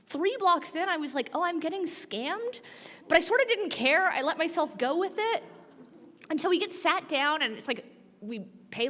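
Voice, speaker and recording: Animated high-voiced American woman in a hall. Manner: informal, frequent "like" as filler, laughs while telling. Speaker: minister and guest on a panel. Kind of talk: animated personal storytelling. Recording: echoey hall with long reverb.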